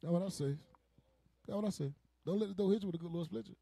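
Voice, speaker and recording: A man's voice: high-pitched, rapid-fire, vocal fry, mellow, slightly rough, no room sound. A man leading a casual group teaching session, joking and laughing often with the people around him. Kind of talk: casual preaching, joking banter.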